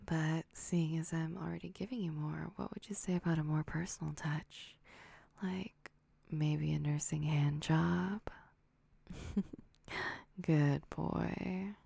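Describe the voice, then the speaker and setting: A young woman whispering softly in an intimate ASMR roleplay, slow and soothing, doting on the listener with hums and soft giggles. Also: low voice, steady tone, creaky, husky, dry recording. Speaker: audio roleplay performer.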